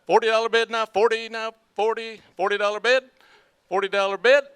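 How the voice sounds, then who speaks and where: A man's voice: sits high, little pitch movement, fairly quick, a bit bright, smooth. An older man from North Dakota, a student auctioneer calling bids at a live auction in a rhythmic, repetitive chant. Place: live auction event before an audience.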